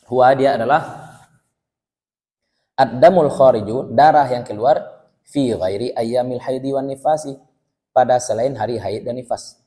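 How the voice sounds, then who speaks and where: A man leads a religious text study, his voice at an ordinary middle pitch. He reads Arabic lines aloud, translates them phrase by phrase and breaks off for casual remarks to his students. His voice rings with the long reverb of a large hall. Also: warm tone. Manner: reads Arabic text then translates line by line, conversational asides. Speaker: Islamic teacher. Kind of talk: religious book study lecture.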